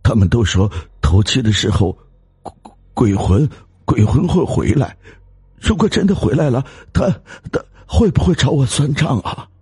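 A man's voice: fairly low pitch, wildly swooping pitch, normal speed, a little mellow, breathy edge, no room sound, voice pushed up, exaggerated voice. A man voicing a timid, cowardly husband who stammers and whines in fear. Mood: terrified stammering. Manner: stammering, whiny. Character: timid cowardly middle-aged man, fearful.

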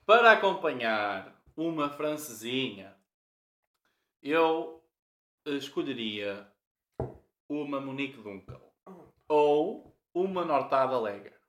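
Male host with a European Portuguese accent, halting tipsy chat, roomy sound. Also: medium pitch, sing-song, a bit bright. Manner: rambling, halting, laughing. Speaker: podcast host.

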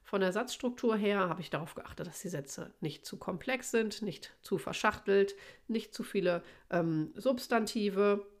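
A woman's voice: mid-range voice, a little slow, few pauses. A woman, a children's author, hosting a casual podcast and thinking aloud with small fillers. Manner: thoughtful, with fillers.

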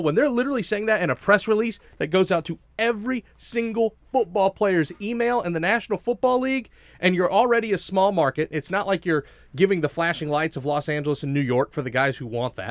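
Opinionated man talking sports, slightly high. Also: dry recording, clean studio sound. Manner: opinionated, fast, emphatic, with restarts and fillers. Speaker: sports talk co-host. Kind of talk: sports talk show discussion.

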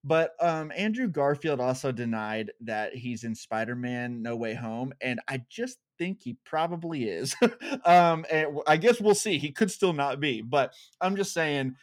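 A man's voice: mid-range voice, expressive, unhurried, no room sound. Eager chatty male co-host, dry sound. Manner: eager, chatty, laughs often. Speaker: podcast co-host. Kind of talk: casual discussion.

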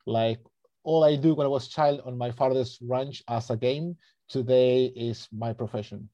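A man's voice: medium pitch, fairly even intonation, moderate pace, mellow, no echo, highs cut off. A man in his thirties from Argentina, with an Argentine accent, a native Spanish speaker, answering interview questions as a guest naturalist guide in a friendly, hesitant way. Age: 30s.

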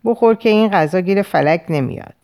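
An insistent young man played by a woman in a dramatic audiobook, coaxing and pushing someone to eat. His lines come bright and high, swinging through a lively range. He sounds tense underneath the encouragement.

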